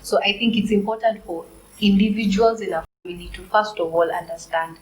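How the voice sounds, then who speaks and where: A woman's voice: mid-range voice, brisk, rough recording. Reflective Kenyan woman on a church panel. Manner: reflective, asks searching questions.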